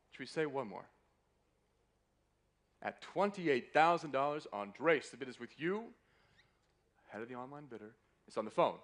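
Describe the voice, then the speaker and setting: A man's voice: medium pitch, a bit bright. A man working as a fine art auctioneer, calling a live sale with polite, courteous patter that keeps repeating the bids. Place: live auction room in a hotel.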